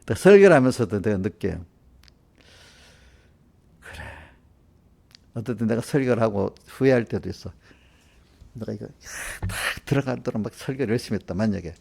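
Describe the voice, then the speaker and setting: A man's voice: on the low side, animated, moderate pace, creaky, pauses often, a little mellow. A middle-aged male pastor, preaching in a chatty, folksy way and checking his listeners' agreement. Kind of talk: conversational sermon. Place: church service.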